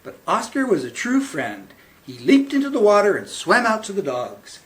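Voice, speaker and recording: A man reading a picture book aloud to children as a librarian at storytime, with theatrical, deliberate phrasing. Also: high-pitched, huge pitch swings, fairly bright tone, poor audio.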